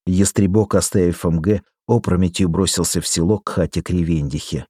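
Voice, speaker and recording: Low-voiced man reading an audiobook. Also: steady tone, brisk, dark tone, husky, dry recording, clean studio sound. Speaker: audiobook reader. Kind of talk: scripted first-person narration.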